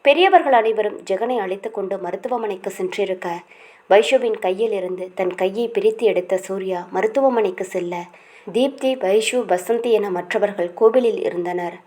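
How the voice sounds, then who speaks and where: Woman, audiobook narrator, dramatic novel reading, expressive, storytelling cadence. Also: medium pitch, moderate pace.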